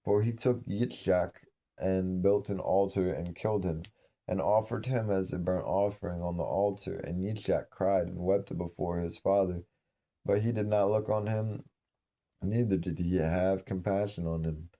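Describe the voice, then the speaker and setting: Deep, very dark-voiced male scripture reader. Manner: measured, solemn reading with occasional slips and restarts. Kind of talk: reading aloud from an old scripture.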